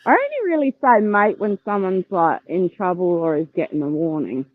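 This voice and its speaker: A woman's voice: lowish voice, sing-song, moderate pace. Tinny-sounding woman on a call. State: coming down with a cold. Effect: tinny earbud mic over a call. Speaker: remote caller on a livestream. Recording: tinny, dry, phone-like call audio.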